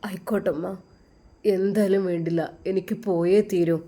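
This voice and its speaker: A woman voicing a devout young man who speaks softly and earnestly in a storybook tale. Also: on the low side, fairly even intonation, normal speed, lightly acted. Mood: pleading.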